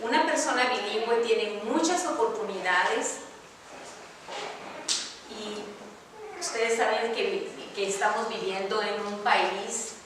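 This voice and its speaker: A woman pitching her tutoring service, hesitant, with many pauses and fillers. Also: background noise. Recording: echoey hall, far from the mic.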